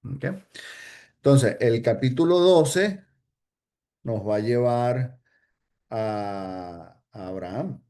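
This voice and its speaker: A man's voice: medium pitch, very slow, pauses often, warm tone. A man teaching an informal Bible study, hesitant, with many fillers and restarts, often checking in with "ok?".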